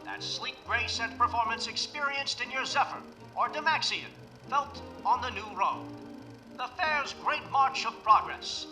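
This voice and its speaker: Old newsreel announcer, 1930s style, brisk, showy, very high voice, faint music behind. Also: male voice, animated, poor audio. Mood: upbeat promotional. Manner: brisk, showy promotional delivery.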